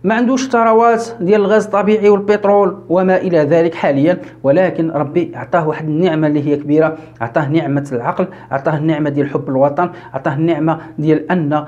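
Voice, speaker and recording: Moroccan male commentator, quick and high-pitched, filler-heavy delivery, dull lo-fi sound. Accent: Moroccan Arabic. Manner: fast, animated, frequent fillers and self-corrections. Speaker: YouTube news commentator. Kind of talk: casual political commentary.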